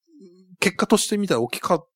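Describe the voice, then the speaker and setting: A man's voice: high-pitched, expressive. A man hosting a casual chat about pro wrestling, eager and agreeable. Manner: eager, agreeable, many quick backchannels.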